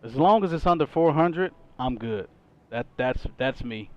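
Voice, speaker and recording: A man's voice: medium pitch, expressive, unhurried, clear, resonant tone. A man chatting casually on a livestream as he plays a flight simulator. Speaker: flight simulator live streamer. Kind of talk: casual livestream chat while flying. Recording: slightly dull audio, faint music behind.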